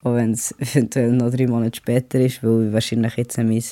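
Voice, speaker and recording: Guy with a cold rambling on his podcast, mellow voice, dry close mic. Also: mid-range voice, flat delivery, fairly quick, no room sound. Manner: chatty, rambling, mixes in English words. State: has a cold. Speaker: podcast host. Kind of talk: casual solo podcast chat.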